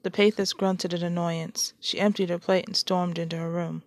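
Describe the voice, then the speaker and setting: Woman podcaster, low-ish voice, dry close sound, casual chatty tone, storybook reading. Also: level tone, moderate pace, darkish tone, no echo. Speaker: podcast host and story reader. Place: shared home.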